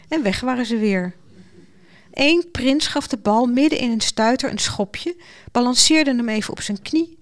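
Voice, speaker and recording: A woman reading a storybook aloud. Her voice sits fairly high and she tells the tale expressively, with lively shifts in her delivery. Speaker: narrator. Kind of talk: storybook narration.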